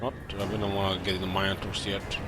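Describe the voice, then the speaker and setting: Casual male gamer commentator, lower register, halting think-aloud delivery, clear music underneath. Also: flat delivery. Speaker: gamer commentating own play.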